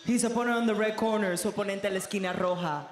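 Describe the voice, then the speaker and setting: A man working as a bilingual ring announcer in theatrical lucha libre style, booming like a showman and drawing out names in a sung shout. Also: fairly even intonation, rapid-fire. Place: live fight arena. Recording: echoing arena PA with loud crowd noise.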